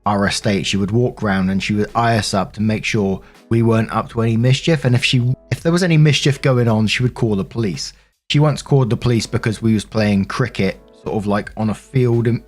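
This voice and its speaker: Breathy at the edges and lowish in pitch, this British man's voice carries a story compilation he hosts and narrates. He tells the stories casually, chatting, rambling, swearing and offering his own commentary.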